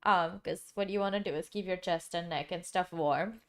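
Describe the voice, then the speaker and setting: A young woman streamer with a dry throat that sounds sick chats casually and rambles, using lots of filler words over background music. Her voice is on the low side, a bit bright, at normal speed.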